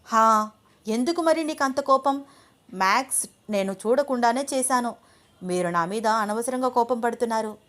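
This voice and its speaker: A woman's voice: fairly high pitch, normal speed, a bit bright, lightly acted. A woman voicing a headstrong young wife and student who answers back in a pouty, defiant way. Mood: protesting.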